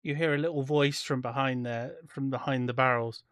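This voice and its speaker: A man's voice: medium pitch, fairly even intonation, brisk, fairly bright tone, no room sound, clean studio sound. A man working as game master, casually narrating a tabletop game.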